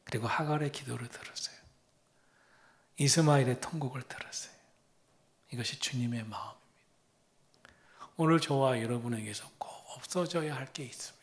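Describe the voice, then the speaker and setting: A man preaching as a pastor, retelling a story with dramatic pauses and often dropping to a breathy whisper. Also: mid-range voice. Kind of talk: sermon.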